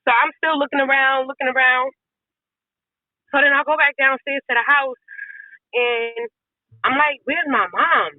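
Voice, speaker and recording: A woman's voice: high-pitched, level tone, normal speed, long pauses, no echo. A woman guest on a podcast, telling a personal story in a blunt, profane way, full of street slang. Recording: tinny phone-like audio, dry.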